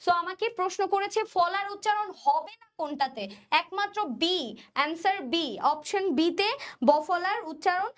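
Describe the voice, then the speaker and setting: A woman's voice: very high-pitched, moderate pace, a bit bright. A young woman teaching an exam-prep lesson, repeating each question and answer as she quizzes her students. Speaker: admission test teacher.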